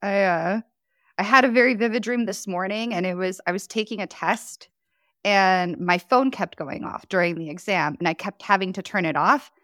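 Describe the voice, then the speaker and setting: A woman from Chicago in the United States tells her story as a guest on a podcast, in a casual storytelling interview recorded at studio quality with no room sound. Her voice is medium-pitched and fairly bright at a normal speed, and she's chatty, with frequent fillers and laughs.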